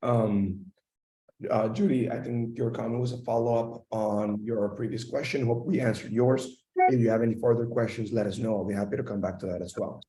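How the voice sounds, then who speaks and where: Echoey, mellow man losing his voice. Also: medium pitch, fairly even intonation, a little fast, distant mic. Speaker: webinar host. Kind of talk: question-and-answer moderating. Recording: roomy, echoing sound.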